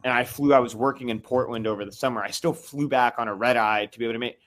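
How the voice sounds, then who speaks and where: A man's voice: medium pitch, fairly even intonation, fast talker, fairly bright tone. A man is calling in to a live podcast, venting with a lot of heat. He rambles in restarts and fillers, and he keeps tripping over his own sentences in an ordinary mid-range voice. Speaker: caller on a live fan podcast. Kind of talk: casual venting chat.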